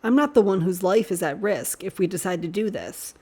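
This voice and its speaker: A woman's voice: mid-range voice, animated, fairly quick, darkish tone, breathy edge. A woman voicing a teasing, blunt young man who talks frankly.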